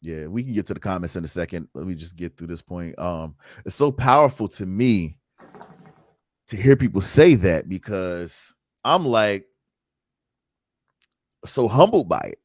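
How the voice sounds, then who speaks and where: A man's voice: low-pitched, lively intonation, measured pace, long pauses, dry recording, studio quality. A man hosting a casual livestream talk, earnest and reflective, reading viewer comments aloud. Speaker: host.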